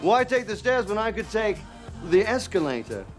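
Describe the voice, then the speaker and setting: A cheeky goofy sixties British spy. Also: male voice, high voice, sing-song, normal speed. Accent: English. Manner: playful, jokey, flirtatious. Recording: film soundtrack with clear music behind.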